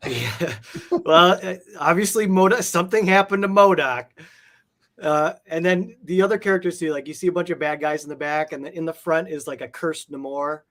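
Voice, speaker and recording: Slightly high and a bit bright, this man's voice moves at a normal speed as he talks comic art in an interview. A collector, he's enthusiastic and casual, wandering from point to point and saying "like" a lot.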